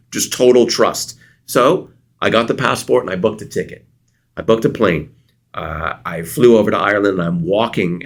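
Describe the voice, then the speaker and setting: A middle-aged man from Canada, a consultant guest in an interview, telling stories and acting out the dialogue in them. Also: lowish voice. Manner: animated storyteller, acts out quoted dialogue. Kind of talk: storytelling interview answers.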